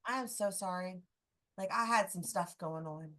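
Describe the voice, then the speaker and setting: A woman's voice: lowish voice, moderate pace, fairly bright tone. A woman in a casual podcast conversation, telling a personal story in a chatty, emotional way and saying "like" constantly. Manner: chatty and emotional, heavy use of "like".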